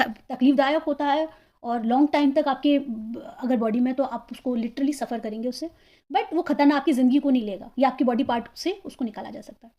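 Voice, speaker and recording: A woman with an Indian English accent, teaching English vocabulary in a mix of Hindi and English and slowly repeating each word. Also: high voice, dry recording, muffled recording. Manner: explains slowly, repeats words and spells out pronunciation.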